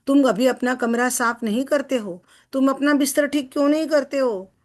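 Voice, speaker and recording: A woman success coach explaining a text to a group in a chatty way, often asking listeners for agreement and slowing down to read passages aloud. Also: sits high, darkish tone. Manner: chatty, asks listeners for agreement with tag questions; slows down when reading passages aloud.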